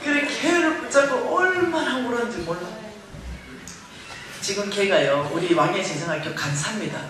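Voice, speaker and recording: A middle-aged woman speaking at a revival meeting, telling her story in an animated way and acting out the voices in it. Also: medium pitch, normal speed, a crowd in the background. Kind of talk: testimony sermon. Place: large church hall. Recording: echoey hall recording from far off.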